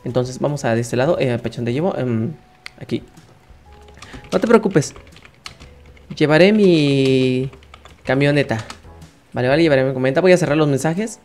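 A man with a Mexican accent giving playful, excitable gameplay commentary as a channel host, chatting to his viewers. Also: medium pitch, normal speed, long pauses, soft background music.

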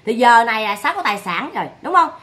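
A woman's voice: fairly high pitch, animated, quick pace, pushed and bright. A woman, scolding and mocking someone in a vlog monologue full of rhetorical questions. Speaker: vlogger commenting on family drama.

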